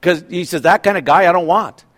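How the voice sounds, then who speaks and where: This sermon comes from a man in his fifties, a pastor whose slightly high, somewhat bright voice moves fairly quickly. Speaking casually, he often restarts sentences and throws questions to his audience.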